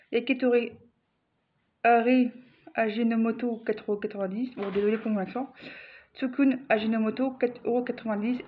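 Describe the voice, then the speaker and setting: A woman's voice: a little high, lo-fi sound, slight background noise. A woman vlogging a grocery haul at home, chatting casually to the camera with lots of fillers and restarts. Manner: chatty, addresses viewers directly, frequent fillers and restarts.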